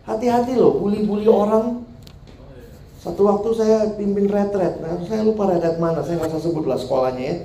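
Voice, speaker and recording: A man's voice: high-pitched, brisk, dark tone. A man preaching a humorous sermon to young people, joking and laughing at his own jokes. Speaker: youth preacher. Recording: roomy hall sound with faint background noise.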